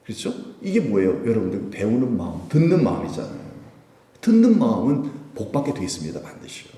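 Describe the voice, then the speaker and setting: A male pastor gives a Friday night sermon in a lively, up-and-down voice, chatting with his flock through rhetorical questions and the odd chuckle. His voice reaches the mic from a distance, and a long church reverb hangs behind every phrase. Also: fairly low pitch, quick pace. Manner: conversational preaching with rhetorical questions and light laughter. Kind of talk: sermon at a Friday prayer meeting. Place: church sanctuary. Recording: roomy hall, voice from a distant mic.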